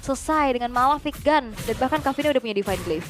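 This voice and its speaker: A woman's voice: sits high, lively intonation, quick pace, soft background music. A woman giving conversational live commentary as an esports caster. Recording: faint background noise.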